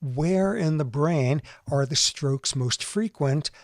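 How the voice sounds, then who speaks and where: Male podcast host, lecture-style explainer, animated, slightly high voice, dry close sound. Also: slow pace, no echo. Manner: explanatory, animated, mimics accents briefly. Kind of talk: conversational lecture.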